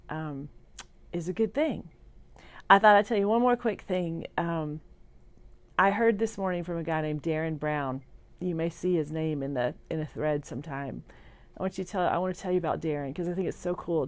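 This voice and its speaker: Middle aged lady weak and woozy after surgery, gravelly voice on the low side, halting personal livestream ramble. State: weak and groggy after surgery, on pain medication. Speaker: vlogger sharing a personal update. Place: hospital room.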